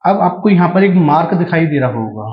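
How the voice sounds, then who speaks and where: A man teaching a language class, explaining slowly and deliberately and repeating key terms, with English phrases mixed in. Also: a little high, lively intonation. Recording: echoey room, dull lo-fi sound.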